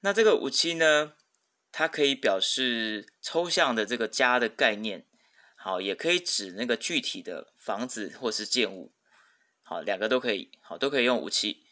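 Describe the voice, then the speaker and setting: A man's voice: medium pitch, expressive, normal speed, sharp tone. A man teaching vocabulary in a podcast lesson. He speaks patiently, says each word twice and often starts sentences with a filler. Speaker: Japanese language teacher.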